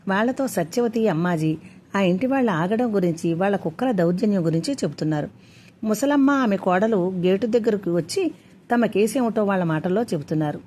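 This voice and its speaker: A woman storyteller reading a story aloud in a steady, measured way. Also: mid-range voice. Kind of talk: scripted story narration.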